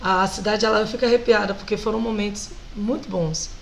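A Brazilian woman singer with a Brazilian Portuguese accent, animated and laughing often as she tells stories as a guest in a casual interview. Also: medium pitch, a little fast, gravelly, slight background noise, low-quality recording.

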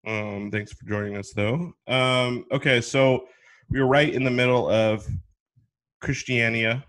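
Young male podcast host, mid-pitched voice, loose and slangy, tells stories in a rambling, chatty way. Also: fairly even intonation, unhurried, a bit bright. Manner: chatty storyteller, slangy, many restarts. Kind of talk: casual podcast chat.

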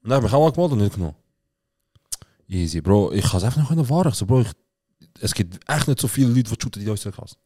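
A man's voice: fairly low pitch, lively intonation, dark tone, slightly rough, no room sound, studio quality. A man with a Swiss German accent, co-hosting a podcast and telling stories in casual, slangy chat. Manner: storytelling, slangy, quick. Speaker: podcast co-host. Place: podcast studio.

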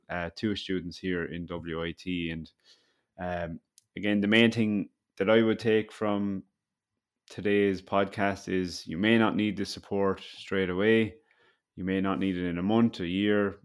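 Male podcast host, very low voice, easygoing and chatty. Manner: relaxed, chatty, with fillers. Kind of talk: casual podcast chat.

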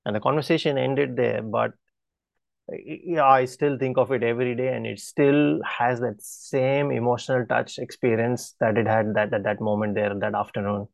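A man preaching, telling a personal testimony in an earnest, halting way with frequent restarts. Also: mid-range voice, steady tone, creaky, no room sound.

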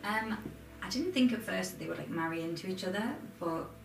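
A woman's voice: mid-range voice, fairly quick, gravelly. A woman in her twenties with a Durham accent from north-east England, chatting casually as an interview guest. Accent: Durham, north-east English. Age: 20s. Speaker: interview guest, aspiring film and TV editor. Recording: roomy, distant mic, music underneath.

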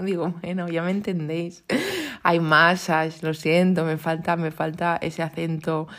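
Young woman from spain just chatting on her podcast, low gravelly voice, keeps going off on tangents. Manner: chatty, rambling, frequent "¿no?" tags and giggles. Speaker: podcast host and tech YouTuber. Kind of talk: casual unscripted podcast monologue.

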